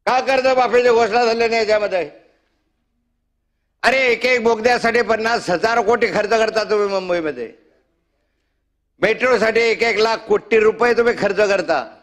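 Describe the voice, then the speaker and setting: A man's voice: high voice, fairly bright tone. A male legislator giving an impassioned, rhetorical assembly speech, accusing the government in a fiery tone. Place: state legislative assembly chamber.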